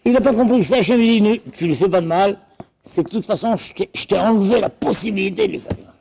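A man teaching a religious lesson, telling the stories in a lively way and acting out the characters. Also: high voice, quick pace, creaky, slightly rough. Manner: storytelling, acts out characters. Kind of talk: animated religious lesson with acted-out voices.

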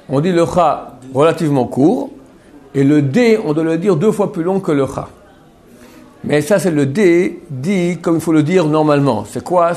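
A man's voice: fairly high pitch, a little mellow. Guy teaching a torah class, chatty, keeps asking if you follow, drags out words to show the sounds. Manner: repeats words slowly to demonstrate sounds; chatty, checks with listeners often. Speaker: religious teacher. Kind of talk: Torah class on Hebrew pronunciation.

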